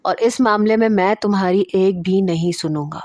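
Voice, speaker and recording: A stubborn young husband from a storybook romance, firm and insistent, as a woman reads him in her own voice. The voice sits at an ordinary pitch, with a dry, close sound. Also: a little mellow, dry recording, dull audio, close to an everyday voice.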